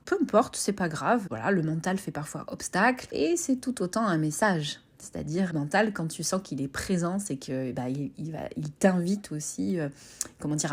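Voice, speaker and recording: A woman with a breathy, husky voice gently and informally introducing a guided meditation, reassuring and a little hesitant. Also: lowish voice.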